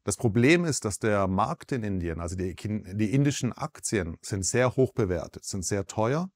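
A man in his forties, a foreign correspondent, answering interview questions in a measured, explanatory way with small self-corrections, in a TV studio. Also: fairly low pitch, lively intonation, darkish tone.

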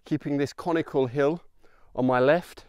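Out on a hiking trail in open countryside, a thirty-something history hiking vlogger offers casual commentary laced with wry asides. His voice sits on the high side, clear and resonant with a darkish tone, even intonation and normal speed. The sound is clean studio quality with no room sound, though outdoor noise and open-air ambience come through.

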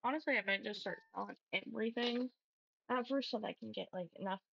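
A woman's voice: fairly high pitch, fast, creaky, fairly bright tone, breathy edge, no room sound, muffled recording. Chatty young woman streaming a farm game. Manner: chatty, exclamatory, self-deprecating. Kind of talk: casual gaming commentary.

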